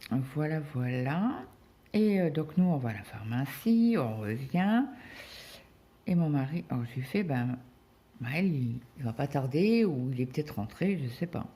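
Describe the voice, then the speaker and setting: Middle-aged woman, crafting vlogger, mellow chatty storyteller, casual. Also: very deep voice, very animated, measured pace. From France. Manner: chatty storytelling, many fillers and quoted dialogue. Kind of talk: casual chat while cross-stitching.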